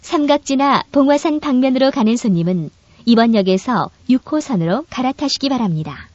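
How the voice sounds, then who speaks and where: Woman, train announcement over onboard speaker, formal and polite, fairly high, melodic delivery, dull dry recording. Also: lively intonation, a little mellow, no echo. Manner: formal, polite, evenly measured. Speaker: subway announcer.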